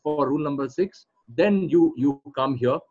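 A man's voice: on the high side, moderate pace, a little mellow, slightly rough. A man with an Indian accent explaining things as a coach in an interview, repeating phrases for emphasis. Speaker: trading coach being interviewed. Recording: dull, lo-fi audio.

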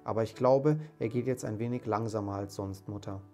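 A man voicing an earnest teenage son of a poor family, speaking quietly. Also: fairly low pitch, a little fast, soft background music, close to an everyday voice.

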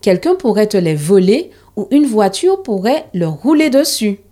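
A woman's voice: medium pitch, big pitch swings, moderate pace, dark tone. A woman voicing a patient but firm mother in a storybook, speaking in an insistent parental tone.

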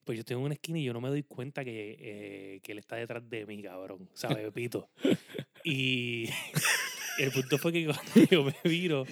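Dude chatting, animated, english words thrown in, dry sound. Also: male voice, medium pitch, normal speed, creaky, dry recording. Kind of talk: casual chat.

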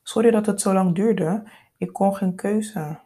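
A woman reading the lines of a relaxed, friendly man who talks in an offhand way. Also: mid-range voice, unhurried, husky. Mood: easygoing.

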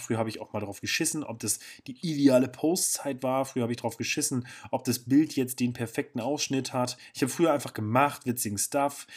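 A young man talks alone on his podcast in a loose, slangy, blunt way, often catching and correcting himself mid-sentence. His voice is slightly husky, at an ordinary pitch for a man. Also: a little mellow. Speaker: podcast host. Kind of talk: casual solo podcast monologue.

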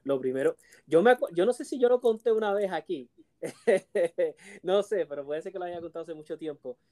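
A man, co-hosting a casual podcast chat, telling animated stories and laughing often. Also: sits high, moderate pace. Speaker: co-host.

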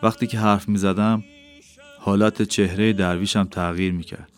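Lowish male audiobook narrator. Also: fairly even intonation. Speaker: audiobook reader. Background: faint background music.

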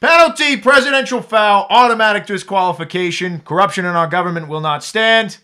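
A man's voice: sits high, brisk, sharp tone, clean tone. A man playing a crusty college football referee who announces penalties in a comedy radio sketch. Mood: officious. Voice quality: barking penalty calls.

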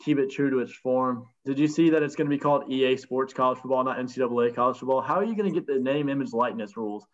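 A man's voice: mid-range voice, fast talker, hardly any pauses, highs cut off. A man hosting a sports podcast in casual chat, leading the talk and tossing questions to his guests. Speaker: podcast host.

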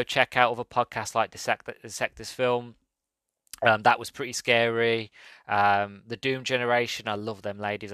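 A man's voice: lowish voice, pushed and bright, clean tone, no room sound. A man hosting a solo podcast, talking in a rambling, upbeat way with many ums and restarts. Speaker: podcast host.

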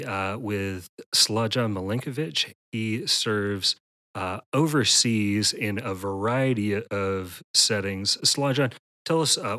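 A man's voice: on the low side, a bit bright. A man hosting a podcast, introducing the show and putting questions to his guest. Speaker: podcast host.

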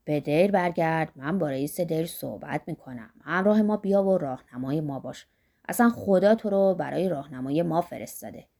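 A woman's voice: deep voice, animated, dark tone, pitched below the performer's own voice. A woman voicing an earthy, boisterous older workman, blunt and philosophizing, in an audiobook. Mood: hearty.

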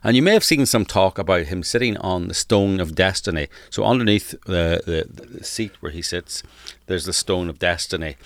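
A podcast co-host with a low-pitched voice tells stories casually at a moderate pace, explaining as he goes and repeating words for emphasis. There's no room sound.

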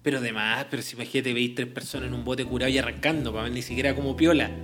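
A man's voice: mid-range voice, steady tone, quick pace, fairly bright tone, soft background music. A young man with a Chilean accent, jumping into a shared story with jokes and slang. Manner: chiming in, joking, slangy. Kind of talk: casual storytelling chat.

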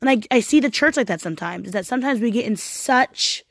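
A woman with a fairly high voice talks about faith in an earnest, animated, conversational way. She leans on "like" and "right?" as she goes. The sound is dry and close, with no room in it. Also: fast, gravelly, dry recording. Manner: heartfelt, animated, frequent "like" and "right?". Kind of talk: casual faith chat.

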